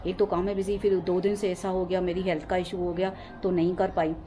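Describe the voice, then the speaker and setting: A young woman whose first language is Sindhi, chatting at home in a rambling daily vlog, repeating herself, her voice weak and low after being unwell. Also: level tone, fairly quick, warm tone. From India. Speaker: home vlogger. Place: home, indoors.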